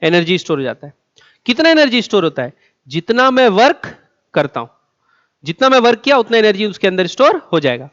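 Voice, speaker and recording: A high-pitched man teaching physics, throwing questions at the class and answering them himself. He slows right down on key words and repeats them for emphasis. The sound is dull and lo-fi. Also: big pitch swings, fairly bright tone. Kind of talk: classroom lecture.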